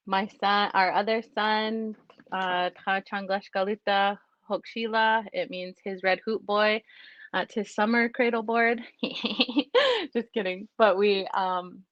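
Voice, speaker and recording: Slow-talking woman, dull dry call audio. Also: medium pitch, no echo. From North Dakota. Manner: laughing, relaxed, slow. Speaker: guest speaker and PhD student. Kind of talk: informal self-introduction.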